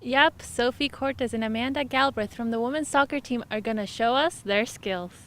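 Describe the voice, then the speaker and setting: A woman's voice: fairly high pitch, normal speed, a bit bright, a little hiss or hum. A young woman anchoring a student show, presenting in an upbeat, scripted way.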